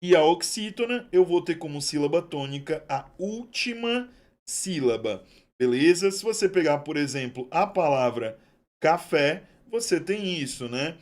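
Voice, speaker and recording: A male teacher giving an online exam-prep lesson, chatty and affectionate, drawing out key terms slowly. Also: fairly high pitch, expressive, darkish tone.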